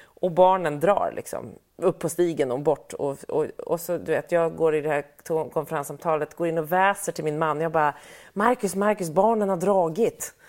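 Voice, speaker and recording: A middle-aged woman co-hosting a podcast tells a story in casual chat, an animated storyteller who acts out other people's lines with big jumps in her voice's pitch.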